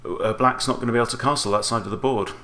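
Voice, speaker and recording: A man's voice: medium pitch, very fast, pushed and bright. A man in his forties giving explanatory chess commentary as an instructor, talking through options with rhetorical questions.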